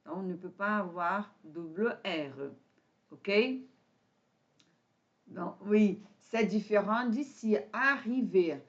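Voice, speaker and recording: A woman with a Brazilian Portuguese accent teaching an online French lesson, patient, with pauses and fillers. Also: mid-range voice. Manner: switches to Portuguese to explain. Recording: dull lo-fi sound.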